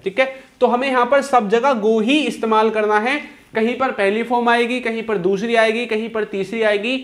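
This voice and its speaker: A man teaching English grammar in Hindi, patient and repetitive, often asking rhetorical questions and slowing down to dictate example sentences. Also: sits high, a bit bright. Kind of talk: spoken English lesson explained in Hindi.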